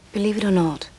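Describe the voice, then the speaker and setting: A woman's voice: medium pitch, darkish tone, a little hiss or hum. An actress playing a wry woman who was once in analysis, speaking drily and teasingly, often dropping to a near whisper. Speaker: woman recalling her analysis. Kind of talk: film dialogue.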